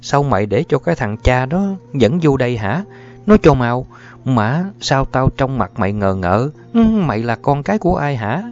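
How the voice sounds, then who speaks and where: A man voicing a sharp-tongued young mother who scolds in rapid, shrill accusations, on a dull lo-fi recording. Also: lively intonation, faint music behind, natural voice. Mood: furious.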